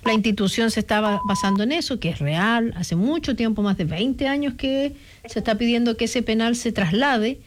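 A woman's voice: on the high side, lively intonation, normal speed. Woman hosting a radio call-in. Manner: warm, addresses callers familiarly. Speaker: radio host.

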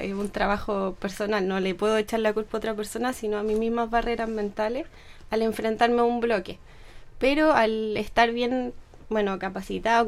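Answering interview questions, a young sports instructor speaks with a Chilean Spanish accent. She stays measured and friendly, and her voice is slightly high.

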